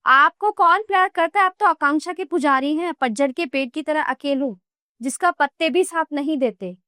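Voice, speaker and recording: A woman's voice: high-pitched, normal speed, sharp tone, dry recording, clean studio sound, voice pushed up. A woman voicing a compassionate woman singer who earnestly pleads with an emperor to give up killing.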